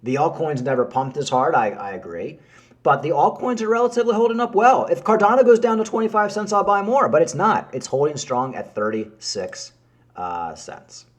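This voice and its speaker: A man's voice: a little high, moderate pace. Upbeat man giving crypto market talk. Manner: animated, repeats himself, addresses viewers as folks. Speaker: crypto YouTuber. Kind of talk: casual market commentary to camera.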